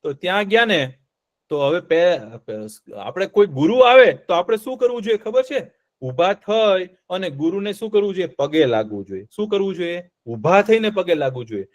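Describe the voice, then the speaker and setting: A high-pitched man tells a story to a group of children. He keeps stopping to ask them questions and then repeats the answers in a playful, lively way. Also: moderate pace, muffled recording. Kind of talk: interactive storytelling lesson for children.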